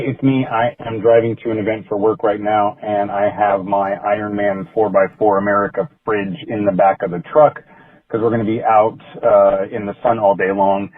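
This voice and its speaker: A man's voice: fairly low pitch, no echo. A man leaving a casual, rambling voicemail while driving, played back over a phone line. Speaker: caller. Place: driving in his truck. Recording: tinny distant phone voicemail.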